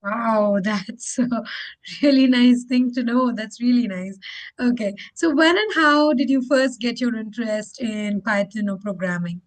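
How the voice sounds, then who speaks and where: Woman host, somewhat high voice, encouraging tone, reads set interview questions. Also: unhurried, rough recording. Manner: encouraging, repeats warm praise between questions.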